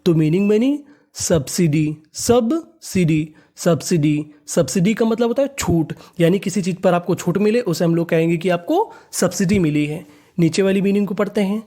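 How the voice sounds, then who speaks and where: Man drilling English words slowly. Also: high voice, mellow. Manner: drills words slowly, repeating each several times; asks questions and answers them himself. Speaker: English teacher. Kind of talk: classroom lesson.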